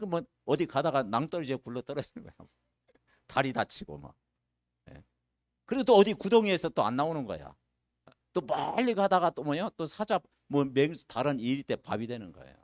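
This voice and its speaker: A male pastor preaching a sermon, asking the congregation questions and answering them, and reading scripture slowly and with weight. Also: on the high side, no room sound, studio quality. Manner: emphatic call-and-response preaching with rhetorical questions; slow, declaiming scripture reading. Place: church.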